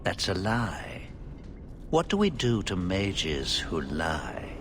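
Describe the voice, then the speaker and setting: Bullying knight villain, menacing, slow, swooping intonation, video game, faint noise. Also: male voice, low-pitched, wildly swooping pitch, fairly bright tone, exaggerated voice. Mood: cruel gloating. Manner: menacing, taunting, deliberate. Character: cruel, predatory Templar knight, sadistic bully.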